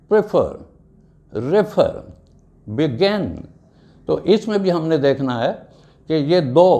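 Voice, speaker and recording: A man teaching a grammar class at a slow, measured pace. His voice is fairly high for a man and has a gravelly, creaky edge. He spells out each word letter by letter. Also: darkish tone. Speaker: English teacher.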